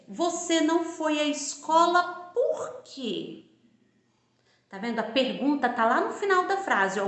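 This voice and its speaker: Lively, echoey woman teaching grammar. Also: high voice. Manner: explains slowly, repeating example sentences and checking with "tá?" and "certo?". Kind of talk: classroom-style grammar lesson.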